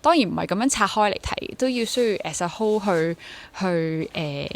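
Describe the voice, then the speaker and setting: In her twenties and speaking with a Hong Kong Cantonese accent, this woman is an interview guest who works as a stage actor and drama teacher. She talks casually and reflectively, dropping English words into her speech. Her mid-range voice is animated, her pace moderate, and the recording dry.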